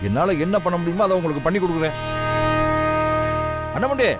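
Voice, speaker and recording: A man's voice: high-pitched, animated, a little fast, loud music behind the voice. An actor playing a showy village man who fawns over visitors and boasts of his family's power in a TV serial. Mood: fawning. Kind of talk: TV serial acting.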